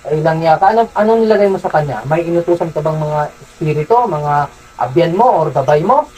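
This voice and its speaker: A man's voice: fairly high pitch, lively intonation, fairly quick, dark tone, rough recording. Insistent faith healer man, commanding. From Zamboanga City, Philippines. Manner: insistent, repeats questions, commanding. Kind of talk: healing session, interrogating a spirit.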